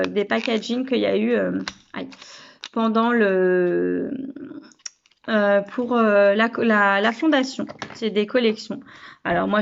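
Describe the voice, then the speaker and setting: A woman's voice: a little high, vocal fry. A woman presenting makeup products in a casual, enthusiastic chat to camera, with many fillers and restarts. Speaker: makeup reseller presenting a beauty kit. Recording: dull lo-fi sound with faint noise.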